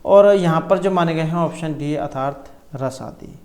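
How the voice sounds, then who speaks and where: A Sanskrit exam tutor with a slightly high, somewhat mellow voice speaks at a normal pace. He goes through multiple-choice answers and recites terms and grammar rules one after another, sometimes correcting himself mid-sentence.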